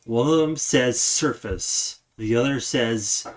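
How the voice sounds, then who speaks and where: A man's voice: mid-range voice, takes it slowly. A man narrating a tabletop game as game master, describing scenes and often restarting his sentences.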